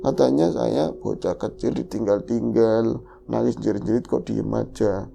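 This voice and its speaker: Creaky dark-voiced podcast guy retelling a spooky story, jumps up high when quoting people. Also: unhurried, a little hiss or hum. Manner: animated, voice jumps high for quoted lines. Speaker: horror podcast co-host. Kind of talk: first-person retelling of a horror story.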